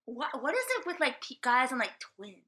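A woman co-hosting a podcast in casual chat, animated and chatty, often interrupting herself. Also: sits high, fairly quick, noisy background. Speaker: podcast co-host.

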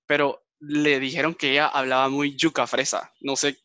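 A man's voice: medium pitch, flat delivery, moderate pace, pushed and bright, smooth, no echo. A man, hosting a podcast and asking his guest questions in casual chat. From Guatemala. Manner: asks questions, chatty. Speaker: podcast host.

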